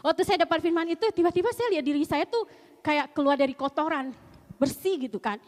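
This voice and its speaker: A middle-aged woman shares a testimony at a church service in a high, bright-pitched voice. She tells it in a chatty, slangy way and laughs often. Her voice carries a long reverb from the church hall. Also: animated, a little fast. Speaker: church member giving testimony.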